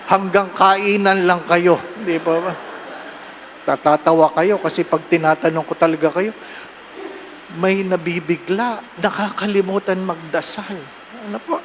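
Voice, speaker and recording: Joking Filipino priest preaching at Mass. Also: male voice, high voice, slight background noise. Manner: joking, conversational, constant tag questions. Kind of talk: sermon. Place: church during Mass.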